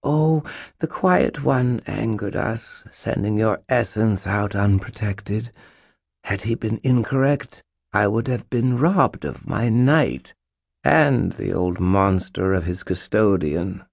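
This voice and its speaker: Faerie queen, ancient and cold, hissing and possessive, as a male narrator raises his voice for her; slow and gravelly, recorded dry. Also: on the low side, darkish tone, no echo, pitched above the performer's own voice, exaggerated voice. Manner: hissing, purring, regal and possessive. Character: cold imperious faerie queen, ageless, menacing. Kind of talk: audiobook narration.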